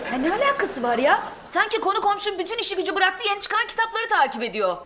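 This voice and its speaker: A young actress playing a vain daughter who dreams of being an author and keeps defending herself indignantly in sitcom acting. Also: female voice, extremely high pitch, big pitch swings, fast talker, sharp tone, some chatter behind, full character voice. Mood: boastful. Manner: indignant, self-assured.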